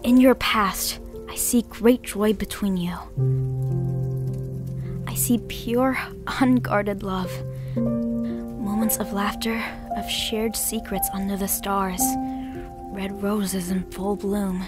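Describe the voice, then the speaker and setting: A woman playing a gentle, earnest young pony princess who tells fortunes in a radio drama. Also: mid-range voice, fairly even intonation, slow pace, loud music behind the voice, natural voice. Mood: solemn, mystical.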